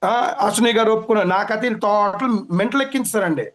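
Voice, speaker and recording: A man with a Telugu accent, speaking as an interviewee, urgently and repetitively rushing to explain a complaint. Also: high-pitched, fairly bright tone. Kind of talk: agitated phone-in complaint.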